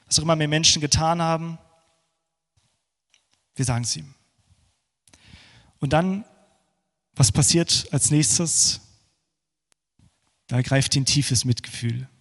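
A man preaching a sermon, moving between fervent passages and hushed, prayerful ones. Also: fairly high pitch, steady tone, measured pace, long pauses. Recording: long hall reverb.

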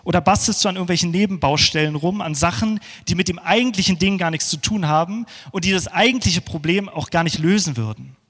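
A man delivers a sermon, his voice sitting a little high for a man. He builds into fervent passages, then drops low and hushed as if praying. A long reverb from the church hall trails after his words. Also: fast, few pauses. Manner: swings between rising fervent passages and hushed, low prayerful ones. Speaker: preacher.

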